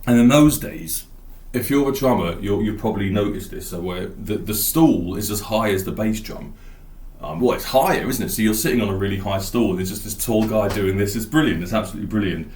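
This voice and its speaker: A man's voice: on the low side, a little fast, a little mellow, roomy sound. A man hosting a podcast, rambling enthusiastically about an album and thinking aloud. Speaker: podcast host. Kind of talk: casual album talk.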